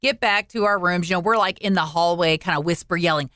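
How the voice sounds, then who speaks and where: A woman's voice: lowish voice, quick pace, no room sound, clean studio sound. A woman co-hosting a podcast, telling a travel story in casual chat and acting out the quotes. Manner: animated storyteller, acts out quotes. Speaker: podcast co-host.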